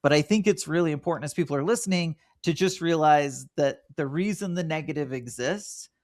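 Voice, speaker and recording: A man's voice: on the high side, darkish tone, no room sound, studio quality. A man hosting a podcast, steering the discussion and affirming his co-host's points in a conversational way. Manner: guiding, affirming, quick back-and-forth. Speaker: podcast host.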